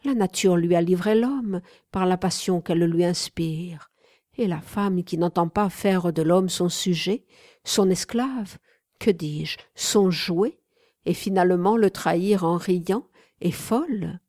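A woman's voice: on the low side, slow, mellow, no echo, studio quality. A woman reading an audiobook, voicing a haughty, mocking woman in furs with a cool, commanding tone. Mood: scornful.

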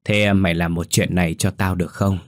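A man puts on a gruff old ghost who keeps a graveyard, scolding and coarse, mocking the boy he scares. The voice sits very low and sounds close and dry, as if read for an audio ghost story. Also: flat delivery, brisk, no echo, close to an everyday voice.

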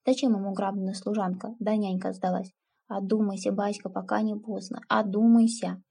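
A woman's voice: mid-range voice, flat delivery, brisk, creaky, mellow, slightly rough. A woman voicing a blunt, stubborn older village aunt who scolds and mocks in folksy speech. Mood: scolding.

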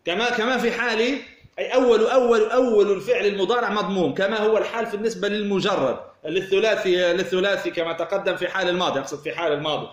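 A man from Tunisia teaching a grammar lesson. He asks rhetorical questions, repeats words as he explains, and says example words slowly. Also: high voice. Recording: echoey room.

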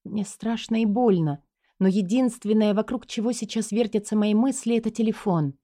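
A woman's voice: mid-range voice, normal speed, mellow. A woman reading a first-person story aloud as an audiobook narrator, in a tense and dramatic way.

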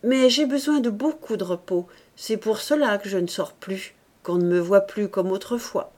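A woman's voice: medium pitch, moderate pace, a little mellow, close to an everyday voice. A woman voicing a distracted middle-aged man who nervously denies rumors about his wife, vague at first and then stammering. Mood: distracted, defensive.

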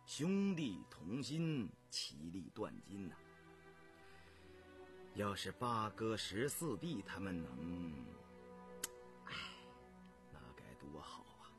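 Man putting on a gentle prince, low soft voice, wistful, sighing, storybook telling. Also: exaggerated voice. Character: gentle loyal male prince, quiet and wistful.

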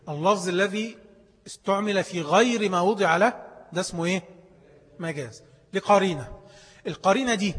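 A male teacher with an Egyptian Arabic accent talks fast in a high, husky voice. He keeps quizzing the class and supplying the answers himself. The sound carries a long reverb, as if he is in a big hall. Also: a bit bright. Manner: quizzes listeners, then answers his own questions. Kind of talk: classroom lesson.

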